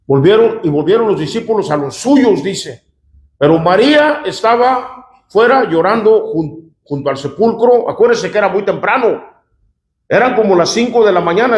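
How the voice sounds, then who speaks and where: Male pastor, conversational sermon with call-and-response asides, slightly high voice, echoey church sound. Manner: conversational, often asks the congregation "¿verdad?" and "¿cuántos dicen amén?". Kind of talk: sermon reading scripture aloud with commentary.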